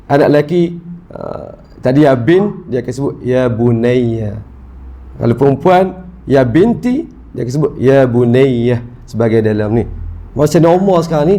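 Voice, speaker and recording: A man's voice: a little high, dark tone. A man with a Malaysian Malay accent giving a religious lecture, reciting Arabic phrases and explaining them in everyday speech to his audience. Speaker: religious teacher. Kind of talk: mosque lecture. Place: mosque lecture hall.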